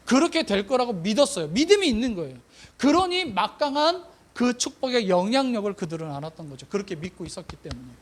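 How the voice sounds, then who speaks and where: High-voiced, animated preaching man. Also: quick pace. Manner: emphatic, repeats phrases for weight; addresses the congregation directly with questions. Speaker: pastor. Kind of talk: sermon.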